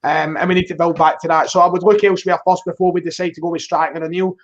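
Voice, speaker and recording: A man's voice: fairly high pitch, fairly even intonation, very fast, muffled recording. A man with a broad Glaswegian Scottish accent in a casual, rambling football discussion, often repeating words as he starts. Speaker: football fan guest on a live stream.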